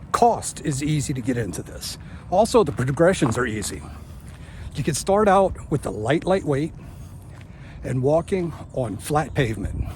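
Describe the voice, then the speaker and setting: A man in his fifties talking casually to camera during outdoor exercise, out of breath and speaking with a missing front tooth. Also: mid-range voice. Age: 50s. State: winded, out of breath. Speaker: fitness vlogger. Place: outdoors on a walking route. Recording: outdoor noise, passing vehicle sounds.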